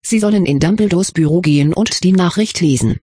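A reader voicing a brusque, hurried young male wizard with a sarcastic, impatient way of talking, in an audiobook. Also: mid-range voice, dark tone, slightly rough, dry recording, studio quality, natural voice. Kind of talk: audiobook character reading.

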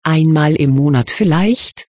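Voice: mid-range voice, unhurried, darkish tone, no echo, clean studio sound. A narrator reading a fantasy story as an audiobook with a wry storytelling manner.

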